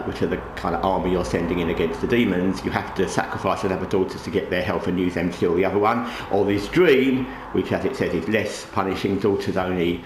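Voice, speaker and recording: A man hosting a gaming channel in casual, rambling commentary, talking with a towel over his head. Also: sits low. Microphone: microphone under a towel draped over the head. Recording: roomy echo, faint background noise.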